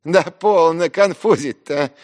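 A man's voice: slow, a little mellow. A man voicing an insolent, spiteful young man who sneers and giggles. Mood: sneering. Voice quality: shrill, sneering.

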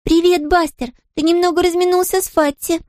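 A woman voicing an excitable young girl with a high, giggly voice in a storybook reading. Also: fairly quick, no room sound, studio quality. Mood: delighted.

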